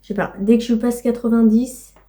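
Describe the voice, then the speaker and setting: Chatty woman vlogging, mellow voice. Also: on the high side, flat delivery, a little fast. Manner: chatty, rambling, many fillers, coos to her pets. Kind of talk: casual vlog chat.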